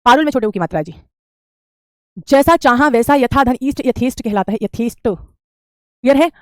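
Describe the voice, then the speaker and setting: Woman, 30s, online Hindi teacher; repetitive, patient drilling; slightly high voice, dry sound. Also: lively intonation, moderate pace, dry recording. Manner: repetitive drilling, calls students beta. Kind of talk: online class teaching spelling.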